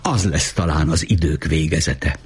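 Low, husky male audiobook narrator. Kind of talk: audiobook reading.

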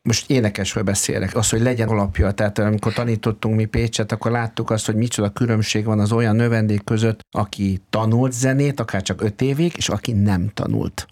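An older man, a singer and voice teacher, talking in a measured, reflective way and sometimes searching for words. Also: fairly low pitch, steady tone, a little mellow. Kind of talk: conversational interview.

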